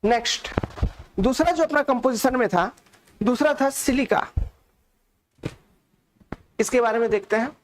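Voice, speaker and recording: A male instructor giving a live online lecture, speaking slowly and softly on purpose and dictating notes by repeating key terms. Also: very high voice, a little hiss or hum. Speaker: exam-prep instructor.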